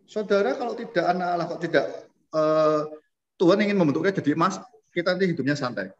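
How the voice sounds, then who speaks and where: A man's voice: a little high, expressive, quick pace. A man preaching a conversational sermon, often calling his listeners brothers and sisters. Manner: conversational, addresses listeners as saudara. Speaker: pastor. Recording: dull lo-fi recording.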